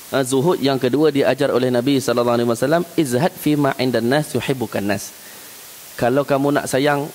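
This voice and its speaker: Malaysian Malay male preacher, mid pitch, storytelling lecture style, voice jumps up to stress points; faint hiss in a reverberant mosque hall. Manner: storytelling, acts out everyday scenes with chuckles; voice rises sharply when driving a point home. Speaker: religious teacher.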